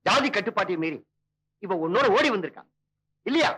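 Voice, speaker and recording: A man's voice: high-pitched, expressive, brisk, pushed and bright, husky, heavily acted. An actor playing a stern wealthy father who scolds his son angrily, in an older film. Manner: angry, scolding, commanding.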